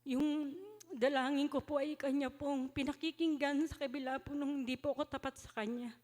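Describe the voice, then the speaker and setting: A woman giving a soft, earnest testimony of thanks at a prayer meeting. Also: high-pitched, steady tone, normal speed. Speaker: church member giving testimony. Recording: church hall with long reverb.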